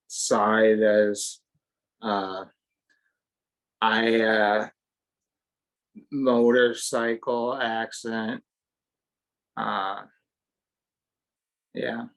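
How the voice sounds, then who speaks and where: Guy on a video call, really slow and halting, gravelly, lots of pauses. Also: fairly low pitch, fairly bright tone, poor audio. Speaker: caucus member.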